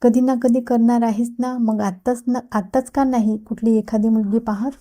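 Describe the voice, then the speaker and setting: A woman's voice: fairly high pitch, fairly even intonation, moderate pace, mellow, close to an everyday voice. A woman voicing a playful, insistent young woman who teases her brother, read in an audiobook. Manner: teasing and insistent. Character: young woman, teasing playful sister figure.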